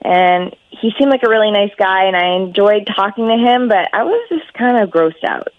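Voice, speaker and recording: A woman heard through a speakerphone call, her voice thin and phone-like with no room around it. She speaks at a middling pitch. She is blunt and exasperated, and she leans on "like" as she talks. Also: expressive, moderate pace, dry recording. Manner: blunt and exasperated, says "like" a lot. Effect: heard over a phone line on speakerphone. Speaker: radio call-in guest. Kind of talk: casual phone chat. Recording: tinny dry phone line.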